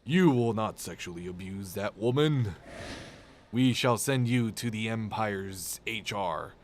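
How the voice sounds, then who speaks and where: A man's voice: fairly low pitch, expressive, a little slow, a little hiss or hum. A man voicing a stern, pompous Darth Vader who gives stiff formal commands. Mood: mock stern.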